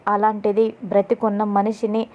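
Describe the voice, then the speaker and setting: A woman's voice: mid-range voice, completely flat delivery, moderate pace, muffled recording, lightly acted. A woman narrator voicing a young woman who defends her sister, speaking indignantly and pleadingly.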